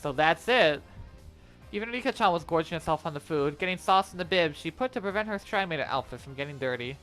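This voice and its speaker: A woman hosting a let's-play, joking loudly and reading the story aloud over game music. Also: deep voice, animated, quick pace. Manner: loud, joking, reads dialogue aloud. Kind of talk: casual game commentary.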